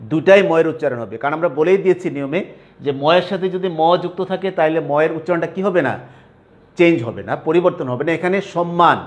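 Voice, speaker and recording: A man teaching pronunciation rules to students in a lecture, repeating example words slowly and often checking if they follow. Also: a little high.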